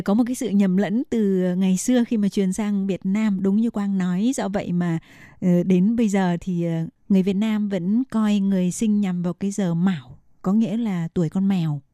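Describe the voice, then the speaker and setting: Mellow radio hostess. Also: female voice, mid-range voice, no echo, clean studio sound. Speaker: radio host. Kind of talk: radio talk show.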